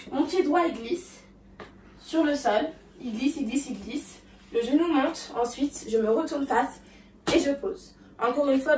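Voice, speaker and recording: A woman's voice: high voice, a bit bright, far from the mic. A woman teaching a dance routine, counting beats and calling out moves, a little out of breath. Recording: roomy sound from away from the mic.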